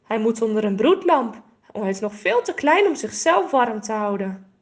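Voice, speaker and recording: A woman voicing a calm, thoughtful, handy father in a storybook reading. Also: on the high side, moderate pace.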